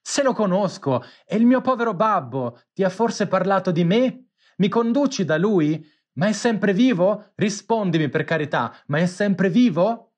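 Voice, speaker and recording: A man voicing an excitable small wooden puppet boy in a storybook reading, high and pleading. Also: a little slow, husky, heavily acted.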